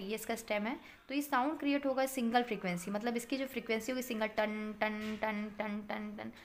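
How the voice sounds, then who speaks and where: A woman teaching a physics class, explaining in Hindi, checking in with her students and reading English textbook lines slowly. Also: fairly high pitch, slight background noise. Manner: addresses students as beta, checks with "है ना".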